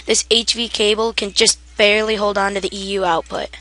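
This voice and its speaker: A woman's voice: medium pitch, flat delivery, a little fast, fairly bright tone, no room sound. A woman giving a casual, rambling game tutorial, half asleep and self-deprecating, with keyboard typing behind her. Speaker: gaming tutorial maker.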